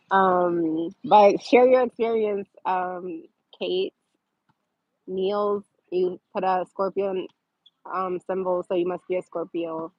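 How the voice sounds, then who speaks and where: A woman's voice: mid-range voice, fairly even intonation, slow pace, long pauses, no echo, muffled recording. A woman hosting a casual livestream, reading viewer comments aloud and answering them with sarcasm and laughter.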